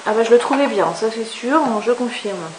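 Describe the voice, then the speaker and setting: A woman's voice: a little high, animated, normal speed. A woman chatting enthusiastically through a makeup review, with many fillers and asides. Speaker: beauty vlogger. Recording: echoey room with faint hiss.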